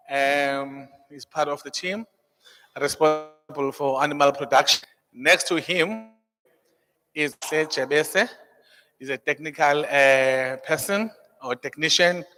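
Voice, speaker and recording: A man's voice: on the high side, bright, forceful tone. South African man, Xhosa accent, echoing hall. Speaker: programme director at a public meeting. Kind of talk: addressing a public meeting. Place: large indoor meeting hall. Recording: echoey hall with long reverb.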